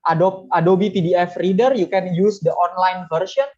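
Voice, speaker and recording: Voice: medium pitch, fairly even intonation, brisk, darkish tone. Teacher on dull webinar audio. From Indonesia. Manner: casual, chatty, many fillers. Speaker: webinar presenter, English teacher. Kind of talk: online teaching demo.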